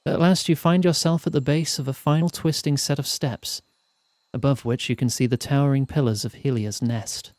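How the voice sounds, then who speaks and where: A man's voice: mid-range voice, fairly even intonation, a little mellow, no room sound, clean studio sound. Man narrating a fantasy game. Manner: measured storytelling narration. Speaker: streamer. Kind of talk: reading game text aloud and chatting.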